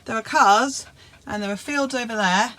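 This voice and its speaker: A woman's voice: on the high side, normal speed, a bit bright, poor audio. A woman vlogger chatting casually with a companion inside a motorhome. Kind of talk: casual chat.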